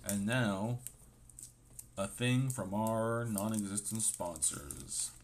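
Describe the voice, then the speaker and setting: Hosting a card-pack opening, a man with a lowish voice takes his time, chatting casually despite a sore throat. He reads out card names and adds playful remarks over slight background noise.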